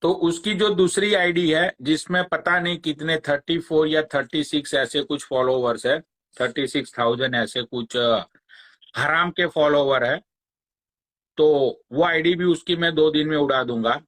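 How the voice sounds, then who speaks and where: A man, ranting on a phone live stream. He talks very slowly in a bright, fairly high voice and mocks his target with crude sarcasm. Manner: slow, crude, mocking, sarcastic challenges. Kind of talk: angry rant on a live stream.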